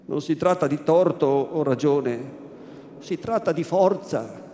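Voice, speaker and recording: A man's voice: fairly high pitch, animated, unhurried, mellow, a little hiss or hum. A man voicing a fearful old village priest. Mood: aggrieved. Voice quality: pleading, fearful. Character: frightened timid old male village priest. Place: large cathedral. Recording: echoey cathedral, faint ambience.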